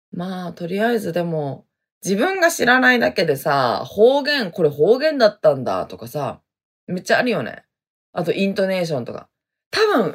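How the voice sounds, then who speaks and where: A woman's voice: on the low side, slightly rough. A woman hosting a podcast in a casual solo chat, reading listener messages, laughing often and breaking into little sung jingles. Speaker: podcast host.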